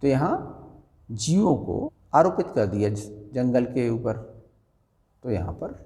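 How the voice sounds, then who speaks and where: A man teaches a lesson, going through exam questions one by one and explaining each answer step by step. His voice is warm and mellow, and his pitch rises and falls a lot. A long reverb hangs behind him. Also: takes it slowly. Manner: explains step by step, lively rising and falling pitch.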